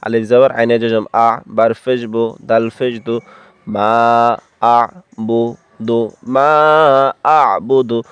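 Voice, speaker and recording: A man teaching Quran reading, spelling out letters and vowel marks one by one and then chanting the words slowly and drawn out. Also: medium pitch, clean tone, no echo. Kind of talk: slow spelled-out Quran recitation lesson.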